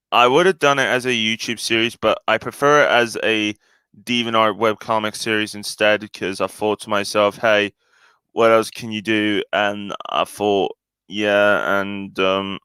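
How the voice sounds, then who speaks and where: A man's voice: on the low side, fairly even intonation, measured pace, bright, forceful tone, smooth, dry recording. A man chatting casually on his own live stream, hesitant and full of fillers and restarts.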